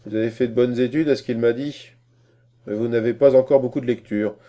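Un homme qui joue un philosophe impatient et pompeux, d'un ton fort, brusque et sermonneur. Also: male voice, medium pitch, steady tone, fairly quick, close to an everyday voice. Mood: pompous lecturing. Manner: loud, brusque, lecturing. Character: gruff pompous male philosopher, impatient.

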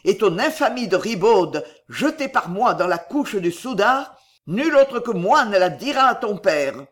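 A woman's voice: medium pitch, big pitch swings, a little slow. A woman doing a snarling bandit. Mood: gloating. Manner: cold, snarling threats. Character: brutal, menacing bohemian bandit man.

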